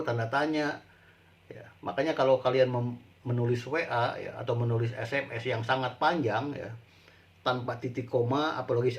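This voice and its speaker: A middle-aged man giving an informal spoken lecture to students, explaining slowly and repeating himself with frequent tag words. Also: medium pitch. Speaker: university lecturer.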